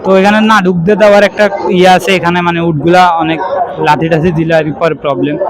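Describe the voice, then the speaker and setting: A man's voice: high-pitched, little pitch movement, a little fast, music in the background, low-quality recording. A male vlogger giving casual commentary at an outdoor market, mixing English words into his Bengali. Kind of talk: casual vlog commentary and street interviewing. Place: crowded outdoor cattle market. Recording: busy outdoor market crowd noise. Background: market crowd.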